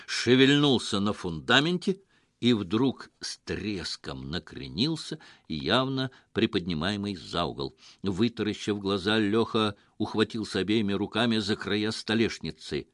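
A man narrating an audiobook story in a measured, even reading. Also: on the low side, no echo, studio quality.

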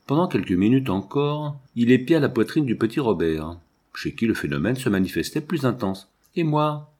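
A man narrating a novel as an audiobook reading, in a measured literary way. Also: mid-range voice, expressive, darkish tone, slightly rough.

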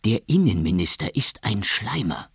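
A hoarse, worn-out police major, as a male narrator puts him on, scheming and lecturing in a gravelly rasp pitched a little above the narrator's low voice. Lively, swinging delivery, close and dry. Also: normal speed, no room sound, full character voice. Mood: aggrieved. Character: hoarse, weary middle-aged male police chief. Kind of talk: audiobook character voice.

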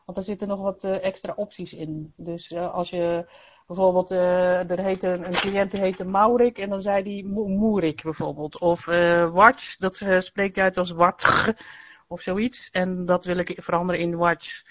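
A woman's voice: lowish voice, little pitch movement, normal speed. A woman taking part in a voice chat, speaking hesitantly with many fillers. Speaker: participant in a voice chat. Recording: dull lo-fi voice chat audio.

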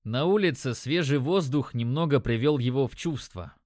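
A man's voice: mid-range voice, dry recording. Man narrating an audiobook, dry close sound. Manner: steady, measured storytelling.

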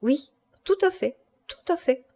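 A woman reading aloud and voicing a sheepish wife who answers in hushed, hesitant, stammering replies. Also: medium pitch, lively intonation, moderate pace, close to an everyday voice. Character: sheepish wife, giggling then evasive.

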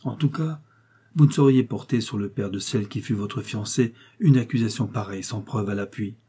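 A man reading aloud plays a reluctant, anxious aunt who speaks hesitantly and pleads. The voice stays dark and slightly husky, as in a spoken storybook. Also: fairly low pitch, normal speed.

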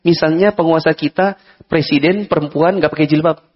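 A man's voice: on the high side, steady tone, brisk. A man with an Indonesian accent giving a conversational Islamic study lecture, asking the audience questions and acting out examples. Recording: dull lo-fi lecture recording.

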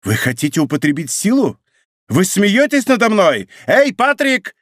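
A haughty nobleman's voice, high-pitched and swinging widely in tone, commanding and proud, as a male narrator puts him on. The delivery is dry and close, like an audiobook reading. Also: expressive, moderate pace, no room sound, lightly acted. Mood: imperious. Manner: haughty, commanding, turns weak and faint. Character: proud English duke, imperious then dying.

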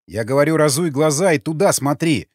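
A man voicing a tough, impatient young male survivor who gives sharp orders. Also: a little high, brisk, breathy edge, no echo, clean studio sound. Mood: urgent, brusque. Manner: brusque, commanding.

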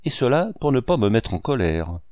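A man reading an audiobook, voicing a kindly, good-humored painter and uncle who speaks warmly and teases gently. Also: mid-range voice, big pitch swings, fairly quick, no echo, lo-fi sound, close to an everyday voice. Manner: warm, gently teasing.

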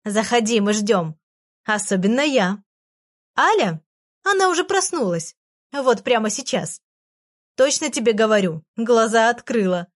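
A woman reading an audiobook voices a cheeky, impatient little female fairy with a high, chirpy, commanding manner. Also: animated, unhurried, pauses often. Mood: cheerful. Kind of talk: audiobook character voice.

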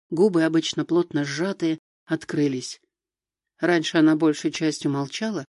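A man reading an audiobook in a steady, expressive narration. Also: a little high, no room sound, studio quality. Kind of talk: scripted narration.

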